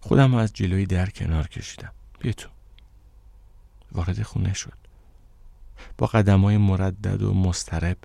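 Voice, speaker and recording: A man narrating an audiobook in the first person with steady, measured storytelling. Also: low-pitched, vocal fry, no room sound.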